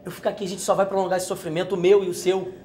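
A man's voice: level tone, very fast, lightly acted. A man playing a remorseful departing lover. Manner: quiet, remorseful. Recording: noisy recording with rumble.

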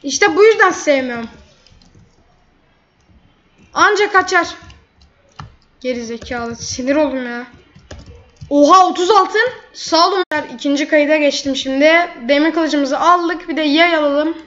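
A woman's voice: high-pitched, a little slow, pauses often, fairly bright tone. A woman gamer giving chatty running commentary over her gameplay, blurting out frustration at opponents. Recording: dull lo-fi mic.

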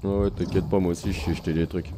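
A man's voice: low-pitched, level tone, fast, noisy background. A man giving casual let's-play commentary, chatting to viewers and taunting enemies as he plays. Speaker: gaming youtuber.

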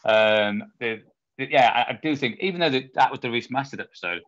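A man's voice: medium pitch, a little fast, fairly bright tone. A man co-hosting a podcast, talking in a rambling, chatty, amused way. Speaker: podcast co-host. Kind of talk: casual chat. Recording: dull lo-fi podcast audio.

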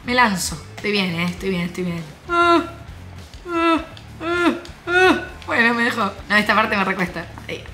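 A young woman with an Argentine accent, commenting on her own gameplay, muttering softly while she plays and breaking into high shrieks. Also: sing-song, normal speed, soft background music. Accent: Argentine Spanish. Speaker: gaming YouTuber.

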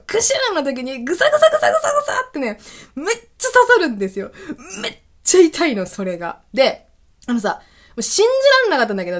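A woman hosting a casual solo radio talk, telling stories in an animated way and laughing often. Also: high-pitched. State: recovering from illness. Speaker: podcast host.

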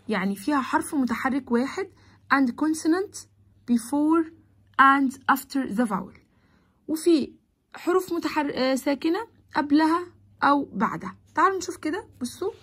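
A woman with an Egyptian Arabic accent, teaching a primary school English lesson and stretching out the English words slowly between her Arabic explanations. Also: high voice, breathy edge.

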